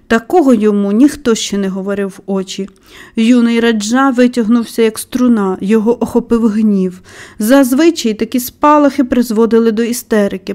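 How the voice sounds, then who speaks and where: A woman reading a children's novel aloud as audiobook narrator, with expressive storytelling. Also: fairly high pitch. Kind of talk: scripted narration.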